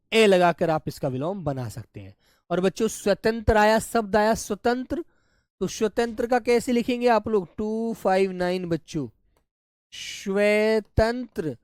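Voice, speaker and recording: A male teacher running a live online class, who repeats each word slowly, calls the children dear, and drops to a soft low voice when he repeats answers. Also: clean tone, no room sound, clean studio sound.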